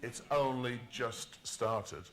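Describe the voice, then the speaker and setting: A man giving measured, emphatic remarks as a panelist at a conference. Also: medium pitch, fairly bright tone.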